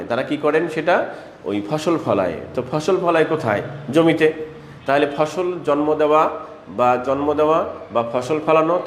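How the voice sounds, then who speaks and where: A man's voice: on the high side, a little hiss or hum. Echoey man teaching an exam-prep lesson. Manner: asks questions and answers them himself; repeats key terms slowly. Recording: echoey room with faint ambience.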